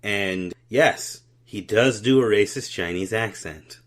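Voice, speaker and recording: A man co-hosting a podcast, chatting casually about a film with animated, jokey tangents. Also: lowish voice, slow. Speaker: podcast co-host. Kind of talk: casual comedic film review chat.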